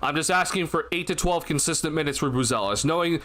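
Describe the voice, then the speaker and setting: A tired, slightly stuffy young man hosts a casual postgame sports livestream, talking fast in a somewhat high, sharp voice. He rambles into a desk mic at his streaming setup, using lots of fillers and restarts.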